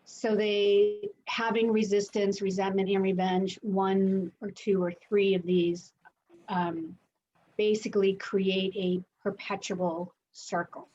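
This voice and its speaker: Woman, Boston accent, slow unhurried pace, reflective, slightly dull video-call sound. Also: medium pitch, flat delivery, warm tone, slight background noise. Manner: reflective, searching for words. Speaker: host and coach. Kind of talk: online lunch-and-learn talk.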